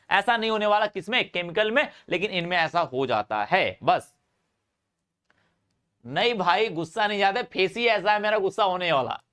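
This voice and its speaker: Brisk, high-voiced Hindi-accented male teacher. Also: fairly bright tone, clear, resonant tone. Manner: brisk, talks fast, repeats points, calls students brother. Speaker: online chemistry teacher. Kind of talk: live class lecture.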